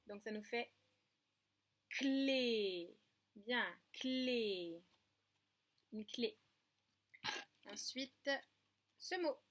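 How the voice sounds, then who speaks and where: A woman teaching a remote preschool lesson in a French accent, sounding out syllables clearly and praising the children gently. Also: on the high side, very slow, pauses often. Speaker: kindergarten teacher.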